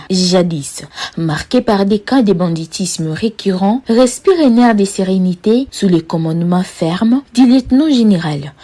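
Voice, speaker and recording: A woman's voice: lowish voice, mellow. Woman reading formal news narration. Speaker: news reporter.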